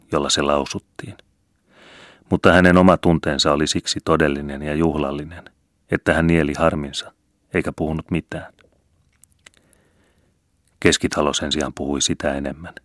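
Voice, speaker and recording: A man reads a novel aloud in a steady, measured storybook manner. His voice is strikingly deep and low. The recording is close and completely dry, with no room echo. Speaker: audiobook reader. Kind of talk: scripted narration.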